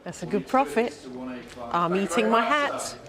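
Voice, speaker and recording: A man's voice: high-pitched, lively intonation, measured pace, crowd noise. A man chatting casually as he follows an auction, with wry, talkative asides. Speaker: TV antiques contestant. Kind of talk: casual chat, reacting to an auction. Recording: loud music behind.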